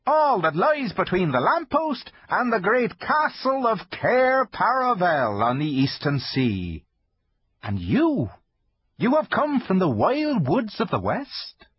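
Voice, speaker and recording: Mr Tumnus, a fluttery fawn. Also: male voice, huge pitch swings, slow, husky, no room sound, heavily acted. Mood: fussy polite. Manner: flustered, courteous, high and fluttering. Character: timid polite male fawn, small and fussy. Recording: dull lo-fi dry recording.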